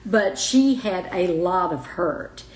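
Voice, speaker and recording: Older woman, soft and halting, roomy. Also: lowish voice, expressive, a little hiss or hum. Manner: soft, halting, with many restarts and fillers. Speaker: guest, mother of the host. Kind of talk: emotional personal interview. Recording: roomy echo.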